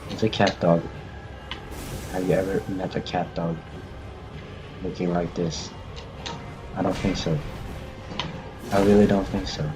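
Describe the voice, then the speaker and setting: A man's voice: low voice, rough recording. A man hosting a let's-play video, talking through the game in jumpy bursts, repeating phrases to himself and talking back to the game characters. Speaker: gaming channel host. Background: game music.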